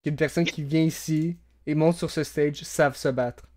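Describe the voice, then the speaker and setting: A man running a tabletop role-playing game as game master, narrating in a relaxed way with frequent hesitations. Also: fairly high pitch, normal speed.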